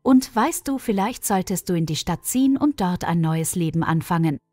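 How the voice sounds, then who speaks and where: A woman's voice: on the low side, expressive, moderate pace, dark tone, no echo, soft background music. A woman voicing a loyal young female friend, fiery and protective, blunt and encouraging, in a storybook reading.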